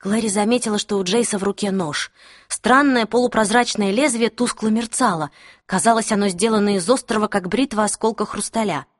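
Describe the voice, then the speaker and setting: A woman narrating a fantasy novel as an audiobook, in an even, clear storytelling manner. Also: mid-range voice, fairly quick, dry recording, studio quality. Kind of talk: scripted narration.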